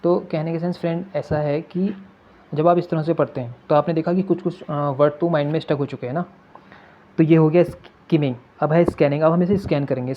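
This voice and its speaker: A male teacher explains exam reading strategies in a steady, level voice that barely rises or falls. He slips into his talk and hesitates often. The recording sounds dull and lo-fi. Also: fairly high pitch. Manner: addresses viewers as friends, mixes English terms into Hindi; many hesitation fillers.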